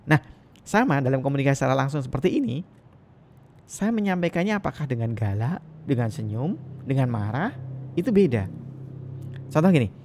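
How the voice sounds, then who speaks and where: Guy lecturing to camera, upbeat, voice going up and down a lot. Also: medium pitch. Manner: energetic, rising and falling intonation. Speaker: university lecturer. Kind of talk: recorded online lecture.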